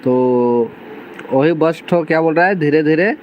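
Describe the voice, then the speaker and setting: A man's voice: on the high side, unhurried, muffled recording, a little hiss or hum. Man from teaching a novel. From Jharkhand, India. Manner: reads dialect lines aloud, then restates them plainly with many 'theek hai' fillers. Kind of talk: reading and explaining a novel to students.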